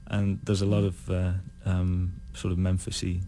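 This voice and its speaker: Gravelly British man, halting and thoughtful. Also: sits low, completely flat delivery, dark tone, a little hiss or hum. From United Kingdom. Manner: thoughtful, halting with many restarts. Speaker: guest singer. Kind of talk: casual interview chat.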